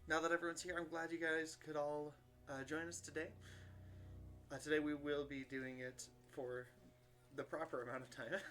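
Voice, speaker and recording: A man's voice: on the high side, flat delivery, normal speed, fairly bright tone. A man hosting a tabletop game stream as game master, talking casually with many fillers and restarts. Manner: rambling, hesitant with fillers.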